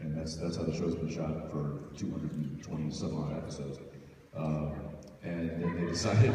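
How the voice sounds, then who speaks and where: A man speaking on a fan convention panel in halting, self-correcting casual talk. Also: low-pitched. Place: large convention hall. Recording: echoey hall from far off, noisy.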